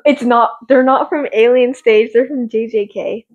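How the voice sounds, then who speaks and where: A woman's voice: a little high, fairly even intonation, a little slow, a little mellow, muffled recording. A teenage girl chatting casually with her father, offhand and giggly, often hesitant. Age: teens. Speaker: daughter. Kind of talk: casual family chat.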